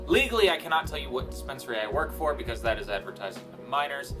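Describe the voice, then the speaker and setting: A man's voice: medium pitch, animated, fast. A young man co-hosting a casual podcast, brash and joking, swearing freely. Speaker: podcast co-host. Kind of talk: casual chat. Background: faint background music.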